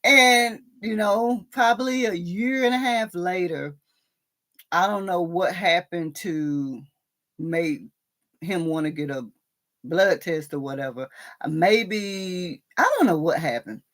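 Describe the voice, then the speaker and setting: A woman's voice: lowish voice, takes it slowly, a bit bright. A middle-aged woman, hosting a casual live chat, laughing often and telling stories in a drawl. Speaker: livestream host discussing a TV drama.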